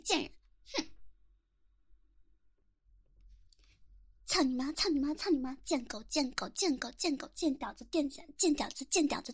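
Audio role-play drama: young woman playing a possessive, contemptuous teen schoolgirl with a high voice, taunting, hurling nonstop abuse. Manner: sneering, taunting, bursts into relentless shouted insults. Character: jealous, domineering teenage girl classmate, contemptuous and possessive. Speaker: voice actor.

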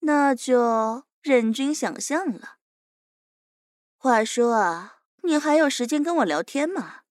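A woman's voice: sits high, expressive, takes it slowly, no room sound, clean studio sound. A woman voicing a fearless, smug young captive who teases her interrogator and calls herself big sister, in an audio drama. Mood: teasing.

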